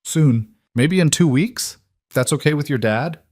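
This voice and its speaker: A man voicing a guarded woman CEO who speaks quietly and earnestly, in a storybook narration. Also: a little high, lively intonation, normal speed, no room sound, voice pushed up. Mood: tender.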